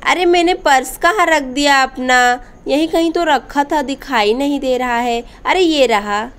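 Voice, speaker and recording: A kind young village daughter-in-law, as a woman plays her in a doll story. Her voice is high, and she talks in a gentle, reassuring way. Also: a little slow. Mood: caring.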